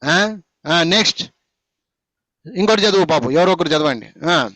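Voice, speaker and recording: A man's voice: a little high, lively intonation, unhurried, pushed and bright, dry recording. A man with a Telugu accent teaching a spoken English phonics class, teasing and scolding his students as he quizzes them again and again.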